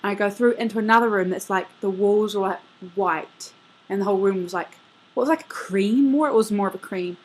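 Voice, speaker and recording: A woman's voice: medium pitch, brisk, a little mellow, a little hiss or hum, poor audio. Rambling young woman telling a dream. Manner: rambling, filler-heavy, lots of "like". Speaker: vlogger. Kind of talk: casual video message recounting a dream.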